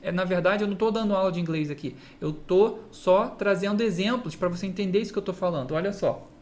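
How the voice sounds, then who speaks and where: A man with a Brazilian Portuguese accent giving a direct-to-camera guitar lesson, often checking in with the listener through quick rhetorical questions. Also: high voice, a little mellow. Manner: explains with repeated "entende?" and quick rhetorical asides. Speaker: guitar teacher.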